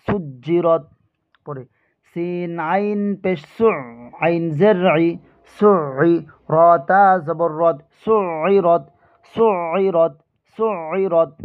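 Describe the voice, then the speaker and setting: A man teaching Quran reading, spelling out Arabic letters and syllables and repeating each word, in a drawn-out way. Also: fairly high pitch. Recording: tinny phone-like sound.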